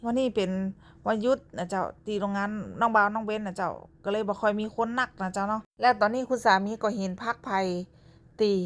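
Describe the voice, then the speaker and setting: A woman's voice: medium pitch, fairly even intonation, brisk. A young woman with a Northern Thai accent, narrating her own vlog in a chatty way and closing her phrases with polite particles. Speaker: vlogger.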